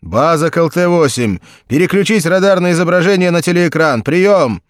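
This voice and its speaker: A man voicing a brisk male base radio operator calling out clipped callsigns. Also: fairly high pitch, expressive, no echo, clean studio sound, voice pushed up, natural voice. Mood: insistent.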